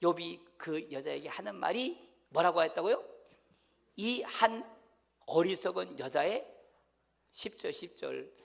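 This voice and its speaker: A man preaches in a church, his voice high and gravelly with lots of fry. He swings from ringing exhortation down to near-whispered asides and keeps asking the congregation questions. The sound carries a long hall reverb. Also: expressive, unhurried, pauses often. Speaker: pastor. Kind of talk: sermon. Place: church sanctuary.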